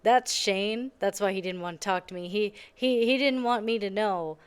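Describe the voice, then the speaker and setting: A woman's voice: medium pitch, normal speed, clear, resonant tone. Sarcastic young woman ranting over gameplay. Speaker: gaming video creator. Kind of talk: casual game commentary.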